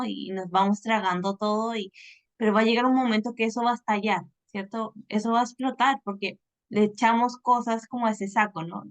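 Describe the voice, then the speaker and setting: A woman hosting a casual faith interview, affirming her guest and reflecting before asking follow-up questions. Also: mid-range voice. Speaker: host.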